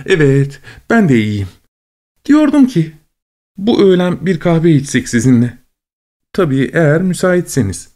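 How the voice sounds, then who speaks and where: A man's voice: fairly high pitch, big pitch swings, a little slow, warm tone, voice pushed up. A man doing a chirpy, bubbly young woman.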